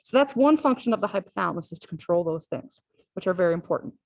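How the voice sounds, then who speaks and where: A woman's voice: fairly low pitch, lively intonation, fast talker, no echo, poor audio. Dry-sounding woman lecturing casually. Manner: conversational and repetitive, with frequent "all right?" check-ins. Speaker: physiology lecturer. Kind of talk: classroom lecture.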